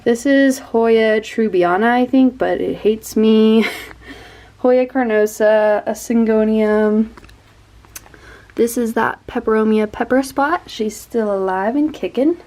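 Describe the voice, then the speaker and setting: A woman vlogger talks casually through her plant collection. Her voice sits a bit high and she takes her time, with a self-deprecating, laughing manner. She sounds slightly out of breath. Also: slow pace, darkish tone. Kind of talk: casual houseplant tour.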